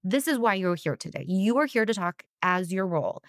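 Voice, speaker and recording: A woman's voice: mid-range voice, animated, no room sound, clean studio sound. A woman co-hosting a political podcast, talking casually and restarting her thoughts as she goes. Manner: conversational, quick asides and restarts. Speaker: podcast co-host.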